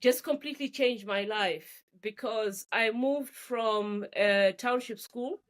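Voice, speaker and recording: A middle-aged woman from Zimbabwe, an author talking as a guest in a relaxed interview, animated and quick to laugh, often repeating words as she thinks. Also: a little high. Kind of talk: casual interview conversation.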